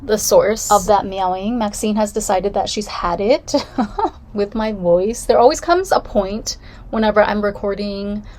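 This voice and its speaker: A woman's voice: mid-range voice, a little slow, darkish tone. A woman vlogging casually from home, reviewing beauty products in a rambling, candid way with self-deprecating asides.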